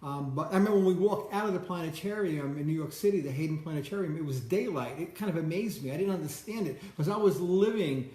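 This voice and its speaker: A man with a slightly high voice gives a loose, rambling monologue that often stumbles and repeats words at the start of sentences. He keeps breaking off to greet people passing by. The sound is roomy and echoey. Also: fast, hardly any pauses, mellow. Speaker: host. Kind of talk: casual motivational monologue.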